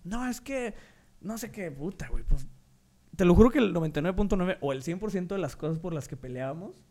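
Gravelly, high-voiced Mexican man teasing. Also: lively intonation, a little mellow. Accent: Mexican Spanish. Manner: teasing, slangy, quick jokes. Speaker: podcast co-host. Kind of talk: casual chat.

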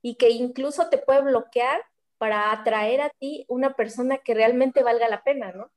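A woman hosts a casual conversation. Her voice sits a little high, and she chimes in with short, agreeing remarks. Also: normal speed, a little mellow. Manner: brief affirming interjections. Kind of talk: casual interview chat.

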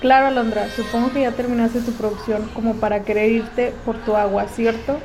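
A woman's voice: fairly high pitch, steady tone, a little fast, over music, close to an everyday voice. A woman playing a protective shift boss. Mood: teasing. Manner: teasing, then urgent commands. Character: female shift supervisor, joking but protective. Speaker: shift supervisor.

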